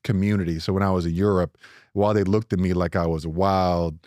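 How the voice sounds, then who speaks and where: Low-voiced man telling stories animatedly. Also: fast, no room sound, studio quality. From Nigeria. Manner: animated storytelling, many restarts, voice jumps up when joking. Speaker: podcast co-host. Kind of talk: casual podcast conversation.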